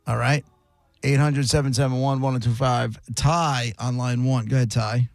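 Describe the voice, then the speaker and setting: Gravelly radio host running callers. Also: male voice, medium pitch, steady tone, no echo. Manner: brisk, teasing, runs the callers. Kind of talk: casual call-in radio banter.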